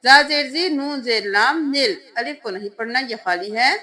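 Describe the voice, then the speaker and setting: Woman Quran tutor with a Pakistani Urdu accent, high voice, patient step-by-step spelling-out of letters. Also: expressive, pushed and bright. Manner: patient step-by-step explaining, then slow drawn-out chanting of verses. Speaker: Quran recitation teacher. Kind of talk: spelling-out recitation lesson.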